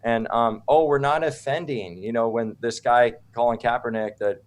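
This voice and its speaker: This interview guest from the United States talks in a medium pitch at a moderate pace. His delivery is loose and rambling, full of opinions, and he keeps tossing in "right?" to check in.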